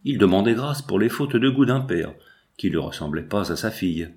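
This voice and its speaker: A man narrating a classic novel in an audiobook, in a measured, even reading. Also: lowish voice. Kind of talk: scripted narration.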